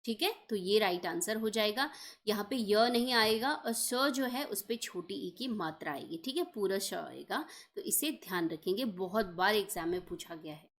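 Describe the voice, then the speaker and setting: A woman's voice: mid-range voice, lively intonation, moderate pace. A woman teaching an exam-prep lesson, explaining each point step by step and checking in often.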